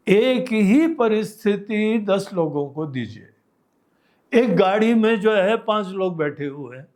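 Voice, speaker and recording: A man, a swami, giving a spiritual discourse in an unhurried storytelling manner with everyday examples, dropping low and soft for asides.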